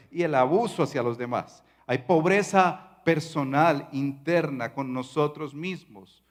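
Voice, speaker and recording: A man preaching a sermon in as pastor, rising to emphatic lines and dropping to soft, quiet asides, slowing down hard on key phrases. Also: a little high. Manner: swings between raised emphatic lines and soft, near-whispered asides.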